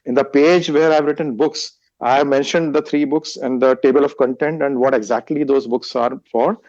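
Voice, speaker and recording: Answering an interviewer's questions, the guest (an author and meditation teacher from India who speaks Hindi with an Indian accent) stumbles along with many restarts and fillers. His voice sits at medium pitch with fairly even intonation and a darkish tone, and the echo-free recording has its highs cut off.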